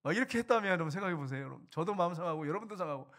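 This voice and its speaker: A male pastor preaching an earnest sermon to his congregation, urging them and dropping to a hush for emphasis. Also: high voice, animated, rapid-fire.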